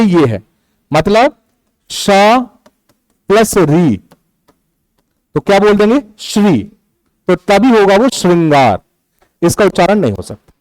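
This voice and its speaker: A man's voice: high-pitched, a little mellow, no echo, poor audio. A young man teaching a class, patiently explaining step by step and counting syllables aloud. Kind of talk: classroom lecture on Hindi prosody.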